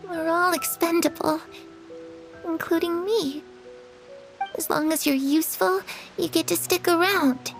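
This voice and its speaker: A woman's voice: very high voice, fairly even intonation, unhurried, pauses often, soft background music. A woman voicing a fragile, wistful young girl with a haunted, bitter streak in a video game, speaking dreamily. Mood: bitter, grim.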